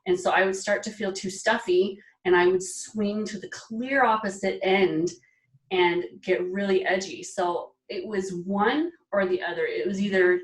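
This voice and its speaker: A woman in her forties, a style expert being interviewed, talking in an animated, emphatic way and laughing often. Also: medium pitch, measured pace, reverberant, distant mic. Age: 40s. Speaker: guest, personal style expert. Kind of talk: casual interview chat.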